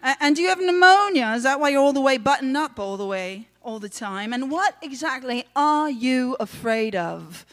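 Cheeky young lad, teasing and chummy, a bit high, as a woman puts him on, echoey hall. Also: animated, normal speed, hardly any pauses, fairly bright tone. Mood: playful. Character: cheeky young British man, teasing and reassuring.

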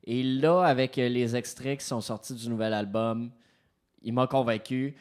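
A man's voice: medium pitch, fairly even intonation, moderate pace, a little mellow. Hesitant man reviewing albums. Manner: many fillers, hesitant. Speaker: music columnist. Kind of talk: casual radio review.

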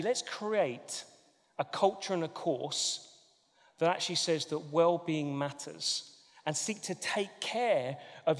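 A man preaching a sermon to his church, telling everyday stories and driving home earnest points. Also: high voice. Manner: storytelling, earnest, builds to emphatic points. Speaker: pastor. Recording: long hall reverb.

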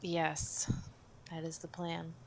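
Low-voiced woman chatting casually. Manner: relaxed and chatty, quick to agree. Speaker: podcast co-host. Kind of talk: casual podcast chat.

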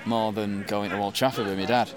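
Chatty Mancunian man in his thirties, somewhat low voice, interviewed outdoors over a loud crowd. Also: fairly even intonation, fairly quick. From England. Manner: chatty, with frequent restarts and ums. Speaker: football fan interviewee. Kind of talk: casual interview. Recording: crowd noise behind.

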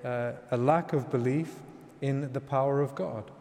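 A male priest delivers scripture and homily in a measured, reflective way. His voice sits at a medium pitch. Long cathedral reverberation trails each phrase, as in a large church. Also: steady tone, warm tone. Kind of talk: Gospel reading and homily.

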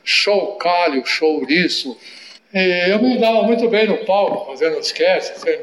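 A man in his eighties reminiscing in an interview, telling stories in an unhurried way with tag questions. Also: high-pitched, animated, a bit bright, a little hiss or hum. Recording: echoey room.

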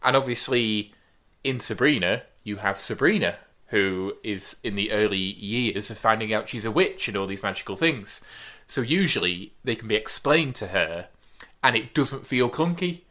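A man's voice: on the low side, normal speed, pushed and bright. A man co-hosting a podcast, analysing a TV show in casual chat with a dry, wry, analytical manner. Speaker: podcast co-host.

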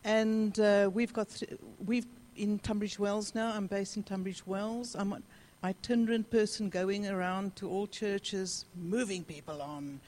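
A woman speaks at a church conference with energy, urging her listeners on. Her voice sits at a middle pitch, and she talks in a lively, rousing way. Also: measured pace. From South Africa. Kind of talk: conference talk.

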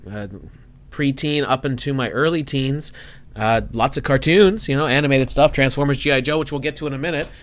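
A man in his forties runs a casual live stream in a mid-range voice. He talks conversationally and drops in viewer shout-outs between topics. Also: mid-range voice, fairly quick. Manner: conversational, reads super chats.

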